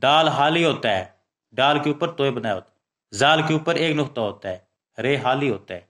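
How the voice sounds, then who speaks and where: A man teaching young children the alphabet, reciting letters slowly and often checking that they understand. He speaks Urdu with a Pakistani accent. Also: mid-range voice, lively intonation, a bit bright. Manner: slow, drawn-out recitation with frequent check questions.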